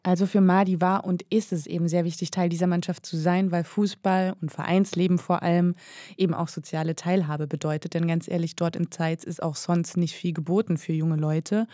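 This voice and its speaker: Woman reporter, podcast, mellow and a bit low, explains fluently, dead dry recording. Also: flat delivery, fairly quick, no echo. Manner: fluent, explanatory, with occasional "äh" fillers. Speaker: reporter and documentary filmmaker. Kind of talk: podcast conversation and narration.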